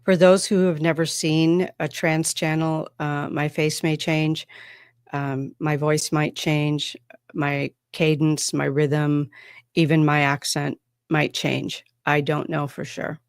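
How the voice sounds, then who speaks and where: A woman hosts a spiritual podcast and talks in a reflective, unhurried way, pausing softly between thoughts. Her voice sits low for a woman. It is recorded dry and close, with no room sound. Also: level tone, smooth, dry recording. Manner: reflective, unhurried, with soft pauses. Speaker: podcast host. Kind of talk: casual spiritual talk.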